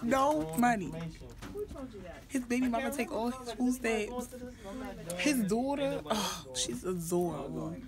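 A woman's voice: on the high side, slow, pauses often. A woman gossiping bluntly in casual talk. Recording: crowd chatter behind.

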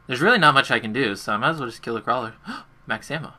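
A man's voice: mid-range voice, rapid-fire, sharp tone. A young man casually commenting on his gameplay during a livestream from his bedroom, chatty and self-deprecating as he talks to his viewers. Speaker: gaming livestreamer. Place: bedroom at home.

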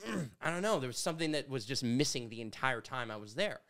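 A man in his thirties from Canada, talking through ideas in a casual conversation at a studio boom mic, animated and gesturing as he tells stories. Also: fast. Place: studio with brick walls. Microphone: studio mic on boom arm.

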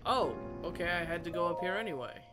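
A man's voice: high-pitched, quick pace. A man casually commenting while playing a video game, muttering and exclaiming as he goes. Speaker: gaming video host. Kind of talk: casual let's play commentary. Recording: game music playing loudly behind.

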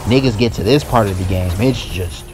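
A man's voice: on the low side, fairly quick, background noise. A young man giving profane, frustrated commentary while playing a video game, his voice jumping up when annoyed. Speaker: gaming YouTuber. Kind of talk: live commentary over gameplay.

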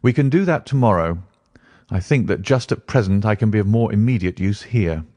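A man voicing a sharp, commanding male detective who speaks briskly and insistently. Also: on the low side, lively intonation, dry recording.

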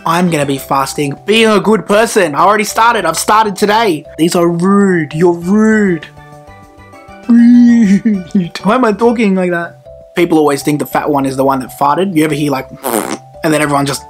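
Animated man doing a comedy vlog. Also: a little high, a little fast, soft background music. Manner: animated, exaggerated, jokey. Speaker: vlogger.

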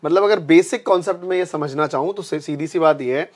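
A man's voice: on the high side, a little fast, darkish tone. A man hosting a conversation, paraphrasing the guest's ideas back with frequent short affirmations. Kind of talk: conversational interview.

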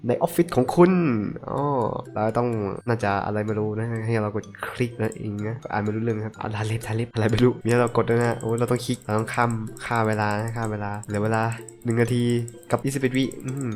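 A young man casually commentating web games as he plays them, excitable and joking, often swearing at himself. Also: medium pitch, quick pace, hardly any pauses. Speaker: gaming channel host.

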